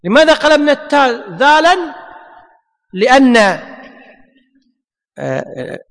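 Guy with a really high bright voice teaching a class, asks himself questions and answers, long hall echo. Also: big pitch swings, measured pace. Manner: repeats points, asks and answers own questions. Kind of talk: classroom grammar lesson.

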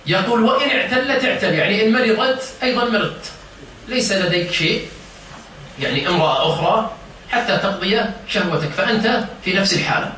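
A high, bright-voiced man leads an informal religious lesson, pausing to quiz his listeners and explain each word. He is heard from a distance in a very echoey room. A faint hiss of noise runs underneath. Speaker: religious teacher. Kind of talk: informal lesson to a seated circle.

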